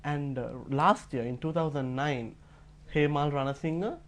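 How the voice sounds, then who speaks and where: A man's voice: on the high side, unhurried. A man with a Sri Lankan accent answering interview questions earnestly and emphatically, posing rhetorical questions. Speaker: interview guest, fashion and pageant industry figure.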